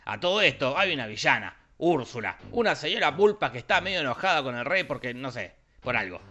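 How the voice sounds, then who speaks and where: A man with a Rioplatense Spanish accent narrating a comic, slangy movie recap in a deadpan, irreverent way. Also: medium pitch, brisk, lo-fi sound. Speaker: host summarizing films.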